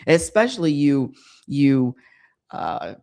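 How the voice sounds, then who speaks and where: A deep, darkish, creaky voice belongs to this woman from the United States who hosts a spirituality radio show. She is very animated yet slow, and her monologue is repetitive and searching, frequently asking listeners for agreement.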